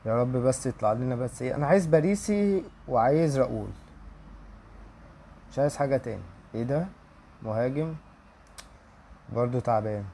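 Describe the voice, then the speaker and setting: A man's voice: medium pitch, animated, fairly quick, long pauses, mellow, slight background noise. A young man with an Egyptian accent commenting on game pack openings, pleading for good luck and repeating his wishes aloud. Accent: Egyptian Arabic. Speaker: gaming YouTuber.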